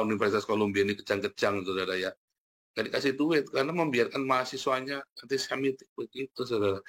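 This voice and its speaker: A man preaching a sermon as pastor, animated and laughing, talking directly to his listeners. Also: mid-range voice. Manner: animated, laughing, talks to the congregation as "saudara".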